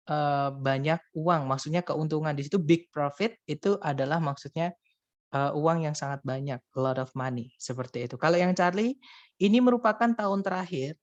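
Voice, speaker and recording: A man's voice: a little high, no room sound, lo-fi sound. A man teaching an English listening lesson in an online class, explaining step by step in a patient way with frequent fillers.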